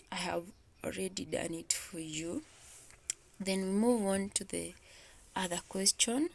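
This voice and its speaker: Slow-talking woman teacher. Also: medium pitch, vocal fry. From Kenya. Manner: slow, deliberate explaining, stretching example words. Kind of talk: exam revision lesson.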